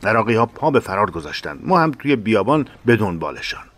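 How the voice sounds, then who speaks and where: A man narrating a war memoir in a measured, dramatic reading. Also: fairly low pitch, big pitch swings, a bit bright.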